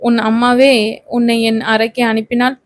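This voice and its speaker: A cocky young male film star from a storybook, teasing and taunting, as a woman reads his lines. The voice stays a touch high and level in tune. It sounds dry and close. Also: flat delivery, moderate pace, no room sound, lightly acted.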